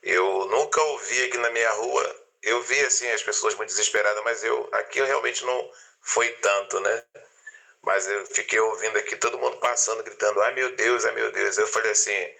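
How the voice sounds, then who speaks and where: A man's voice: lowish voice, steady tone, a little fast, vocal fry, bright, forceful tone, poor audio. A man from Brazil telling an anecdote in a casual, easygoing way, laughing as he talks. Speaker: discussion participant.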